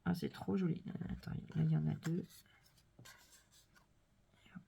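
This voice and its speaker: A woman vlogger chatting casually and gushing softly as she unboxes crafts, sometimes dropping to a whisper. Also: sits low, steady tone, moderate pace, vocal fry, breathy edge. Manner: gushing, soft-spoken, drops to whispers. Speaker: scrapbooking vlogger.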